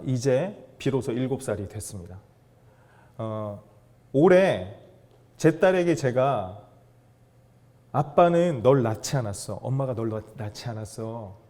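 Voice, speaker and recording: A man giving a storytelling lecture to fathers, animated and acting out the dialogue he quotes. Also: medium pitch.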